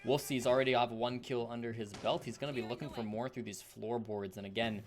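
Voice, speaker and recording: A male esports caster gives play-by-play commentary at a rapid pace. His voice sits at a medium pitch, following the action as it unfolds. There is clear noise on the recording, along with clicking. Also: fairly even intonation. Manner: esports caster delivery, running account of the action.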